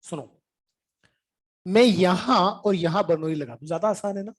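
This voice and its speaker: A man teaching physics in an informal, chatty lecture, mixing English terms into his speech, clearing his throat now and then, and coaxing the class by checking whether they followed. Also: high-pitched, moderate pace.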